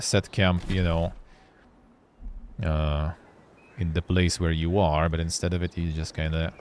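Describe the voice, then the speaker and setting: A man's voice: deep voice, a little mellow, slight background noise. A man streaming a video game, thinking aloud in casual, rambling commentary and tagging remarks with "eh?".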